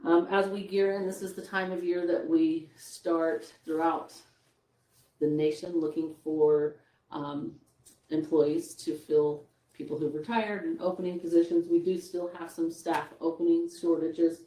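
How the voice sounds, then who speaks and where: Woman, low dark voice, tired, chatty union report, echoey meeting room heard from a distance. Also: level tone, measured pace. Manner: chatty, with small laughs and restarts. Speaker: teachers' union representative. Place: school board meeting room.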